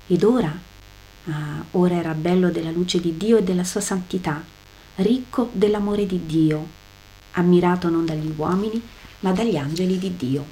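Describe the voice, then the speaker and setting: Woman doing a dramatic scripture reading, solemn and emphatic, low warm voice. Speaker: reader. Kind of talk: dramatic reading of a religious text.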